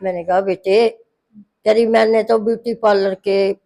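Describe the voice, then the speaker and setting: Speaking at a moderate pace in a mellow, medium-pitched voice with fairly even intonation, the middle-aged mother-in-law recounts a family quarrel to a reporter. Her long narration is full of quoted dialogue, captured on a low-quality recording.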